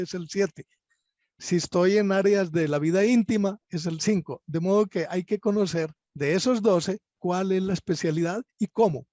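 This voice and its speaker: High-voiced Colombian man, lecturing. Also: darkish tone, no room sound, highs cut off. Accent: Colombian Spanish. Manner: measured, lecturing, with halting restarts. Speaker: astrologer guest. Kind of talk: explanatory interview answers.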